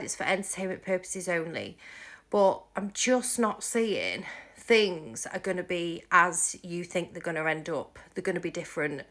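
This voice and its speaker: A woman's voice: lowish voice, fairly bright tone. A woman vlogging about her psychic readings in a casual monologue, rambling and hesitant with many ums and restarts.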